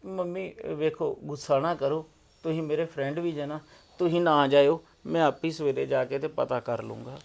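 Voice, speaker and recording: A man's voice: a little high, fairly even intonation, normal speed, vocal fry, a little mellow. A young actor playing a lovestruck son in a family web drama, coaxing and pleading stubbornly with his mother.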